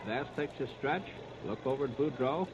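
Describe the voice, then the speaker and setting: An American man calls baseball play-by-play in 1930s radio style, giving a clipped running description in a medium-pitched, expressive voice at normal speed. The 1939 radio disc recording is muffled and very noisy.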